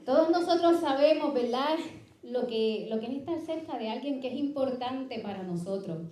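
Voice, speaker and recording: A woman's voice: high-pitched, expressive, moderate pace, warm tone, reverberant. A woman from Puerto Rico with a Puerto Rican accent, preaching an earnest sermon and often checking in with her listeners. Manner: earnest, keeps asking ¿verdad?, storytelling asides. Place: church sanctuary.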